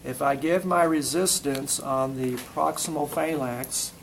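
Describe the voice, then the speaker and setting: A male instructor with a fairly high, slightly slow voice and some vocal fry leads a hands-on classroom demonstration. He coaches with short, repeated commands and quizzes students between steps. The recording is noisy, made in a classroom.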